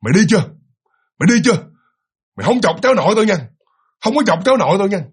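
A man voicing an angry old grandmother ghost who shouts and scolds. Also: high voice, sing-song, racing, husky, pitched above the performer's own voice, exaggerated voice. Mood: shouting angrily.

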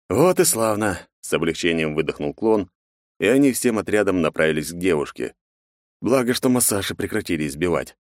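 A man narrating an audiobook in a measured, expressive way. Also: deep voice, no room sound, clean studio sound.

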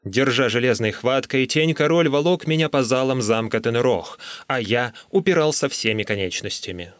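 Expressive male audiobook narrator. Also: normal speed, no room sound, studio quality. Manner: expressive, shifting between calm telling and shrill pleading. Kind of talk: scripted narration.

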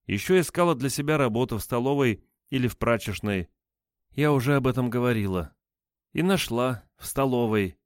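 A man's voice: medium pitch, lively intonation, normal speed, no room sound, clean studio sound, voice pushed up, lightly acted. A man voicing a frightened young woman under interrogation, speaking in a hesitant, flustered, pleading way.

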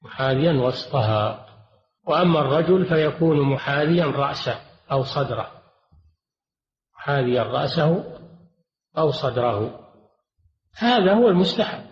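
Older man lecturing, roomy dull recording. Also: fairly high pitch. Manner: measured, repeats and rephrases points. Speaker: religious scholar. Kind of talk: classroom lecture explaining religious texts.

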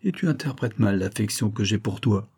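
Man voicing a trembling, anxious young gentleman. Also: fairly low pitch, expressive, normal speed, husky. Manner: hesitant, shaky.

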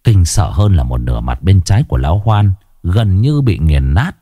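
Male horror storyteller, low mellow voice, lively pitch. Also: normal speed, slightly rough, no echo. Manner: dramatic, suspenseful. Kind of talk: scripted horror narration.

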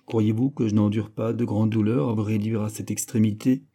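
A man voices a young man of honor, torn by grief and speaking with earnest sorrow in a storybook reading. The tone is mellow and dark, with a husky edge. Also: fairly low pitch, level tone, brisk. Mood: sorrowful.

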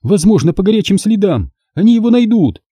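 A man's voice: high-pitched, sing-song, a little fast, dark tone, husky, dry recording, voice pushed up, heavily acted. A male reader voicing a furious, bossy young woman in pain who scolds and gives orders sharply. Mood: scolding.

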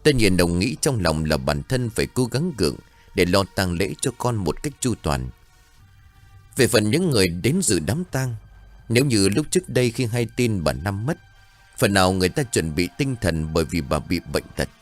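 A man's voice: on the low side, moderate pace, soft background music. Solemn male storyteller. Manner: solemn, expressive. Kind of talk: dramatic story narration.

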